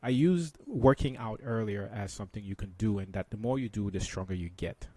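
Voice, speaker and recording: A man's voice: on the low side, brisk, darkish tone, dry recording. A man speaking as an interview guest, explaining things conversationally like a meditation teacher.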